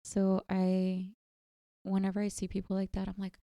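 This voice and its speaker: A woman's voice: medium pitch, monotone, moderate pace, mellow, no echo, clean studio sound. A woman co-hosting a casual podcast chat, talking freely with lots of "like" and "you know". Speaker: podcast co-host.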